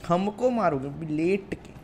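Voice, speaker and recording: Talking to his viewers while he plays a mobile shooter, a young man with an Indian accent calls them "guys" and "brother" in a relaxed, chatty way. His voice is high-pitched yet darkish, with lively intonation and a measured pace. Some slight background noise can be heard.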